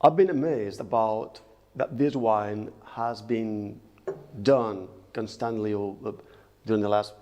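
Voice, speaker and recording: A man's voice: on the low side, steady tone, takes it slowly, darkish tone. A man interviewing a guest over wine, enthusiastic and sometimes searching for English words. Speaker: interviewer, lawyer.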